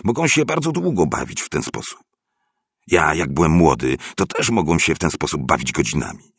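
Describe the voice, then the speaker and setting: A man's voice: extremely low pitch, sing-song, brisk, a bit bright, slightly rough, dry recording, studio quality, pitched above the performer's own voice, heavily acted. A man reading aloud, voicing a short, sly, good-natured neighbor who coaxes eagerly. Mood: coaxing. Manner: eager, wheedling, coaxing. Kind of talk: audiobook reading.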